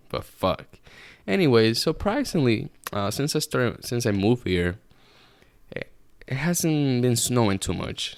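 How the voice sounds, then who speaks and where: A man's voice: on the low side, creaky, smooth, no room sound. A man, hosting a solo podcast from his apartment, rambling casually and swearing freely. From Puerto Rico. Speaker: podcast host. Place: apartment room.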